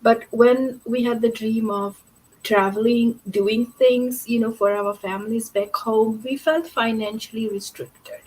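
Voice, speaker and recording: A woman's voice: fairly high pitch, fairly even intonation, measured pace, a little mellow, husky, poor audio. A middle-aged woman from Fiji, talking as an interview guest over a video call, chatty and full of fillers and restarts. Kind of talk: casual interview talk.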